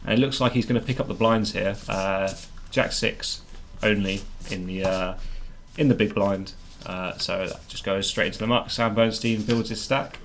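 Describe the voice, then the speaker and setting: A man's voice: fairly low pitch, steady tone, moderate pace. Male stream host over noticeable noise. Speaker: poker stream commentator and host. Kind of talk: casual live commentary and banter.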